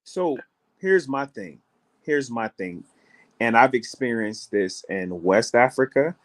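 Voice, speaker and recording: An American travel show co-host on a casual call-in program talks slowly and animatedly in a mid-range voice. He builds his argument through repeated rhetorical questions and acts out other people's voices.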